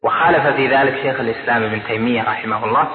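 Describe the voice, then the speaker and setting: A man's voice: medium pitch, very fast, crowd noise. A man teaching as a sheikh, explaining a classical text step by step, repeating key terms and checking that his students follow. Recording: echoey lecture hall, tinny lo-fi audio, audience present.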